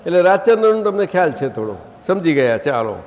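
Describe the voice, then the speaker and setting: High-voiced man leading a satsang. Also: sing-song, quick pace. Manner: gently directive, asks the audience questions. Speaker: spiritual teacher leading a satsang. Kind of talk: conversational religious gathering talk. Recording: long hall reverb.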